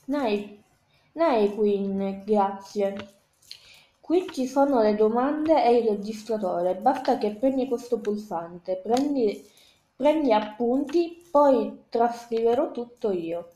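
A woman voicing a sick, hoarse young woman student editor who pleads with a friend, in an echoey room. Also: on the high side, animated, takes it slowly, dark tone, a little hiss or hum. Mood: urging. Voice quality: hoarse from a sore throat.

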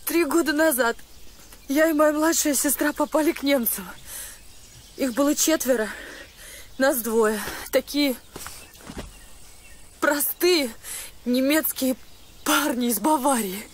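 A woman's voice: sits high, measured pace, long pauses, a little hiss or hum. An actress in her twenties playing a proud, wounded junior lieutenant in a war film, intense in manner. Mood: pained, bitter. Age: 20s. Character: proud, wounded young woman junior lieutenant, trained saboteur. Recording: faint film music under the voice.

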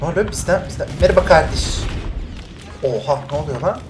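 A gameplay streamer commenting live, swinging between shouted bursts and muttered asides, joking around with mock-Italian phrases. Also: mid-range voice, animated, a little fast, very noisy.

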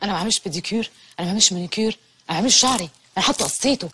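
An actress with an Egyptian accent playing a spoiled, irritable young wife who complains and gives orders. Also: female voice, medium pitch, animated, background noise, lightly acted. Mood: complaining. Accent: Egyptian Arabic. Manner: bossy, complaining, quick-tempered. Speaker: film character. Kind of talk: comic film acting.

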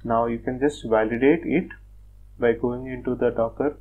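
A man presenting a screen-recorded software tutorial, talking step by step in a plain, methodical way with frequent fillers like "uh" and "like". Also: medium pitch, steady tone, moderate pace, breathy edge, phone-quality sound. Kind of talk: screen-recorded technical walkthrough.

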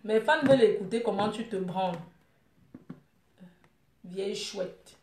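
A woman's voice: mid-range voice, lively intonation, quick pace, a little mellow, echoey room, a little hiss or hum. Scolding woman live streamer. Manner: scolding, rambling, teasing viewers. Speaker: live streamer reading viewer comments. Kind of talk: casual live stream chat.

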